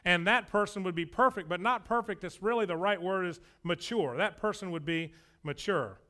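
A pastor with a drawl delivers a folksy, joking sermon. His voice sits high for a man and rings sharp and bright as he presses his points home. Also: moderate pace. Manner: folksy, joking, emphatic preaching.

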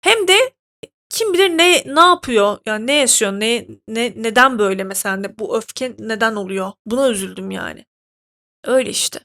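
A woman hosting a podcast, telling a story in an indignant, animated way with many fillers. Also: a little high, normal speed. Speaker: podcast host. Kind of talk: casual podcast monologue.

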